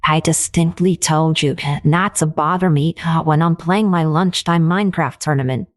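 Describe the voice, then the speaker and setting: A woman's voice: sits low, moderate pace, no room sound, clean studio sound, faint music behind, natural voice. Woman playing a blunt, impatient lady professor. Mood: annoyed. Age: 40s. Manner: blunt, impatient, swears casually. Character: brash irritable woman professor in her forties.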